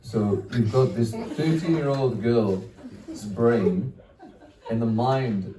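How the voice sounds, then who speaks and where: Speaking slowly in a medium-pitched voice, a young stand-up from Wales is picked up far from the mic in an echoey little comedy room, with crowd noise audible. He rambles through a self-deprecating set, swearing and letting lines dissolve into laughter.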